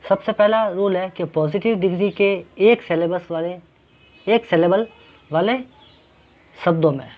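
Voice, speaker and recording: A man teaching an English grammar lesson. He explains patiently, repeating each point and asking questions that he then answers himself. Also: high-pitched. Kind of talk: classroom-style grammar lesson. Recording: dull lo-fi recording.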